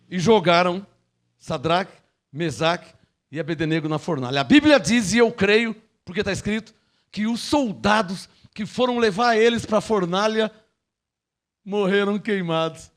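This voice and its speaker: High, bright-voiced preacher man. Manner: preaching with acted-out Bible dialogue. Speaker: pastor. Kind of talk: sermon.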